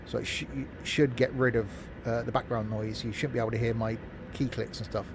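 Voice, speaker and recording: A man live-streams a game, chatting casually and jokily and answering viewers informally with chatty asides. His tone is steady and his pace fairly quick. He uses a streaming microphone through a mixing desk, with constant background noise and vehicle rumble behind him.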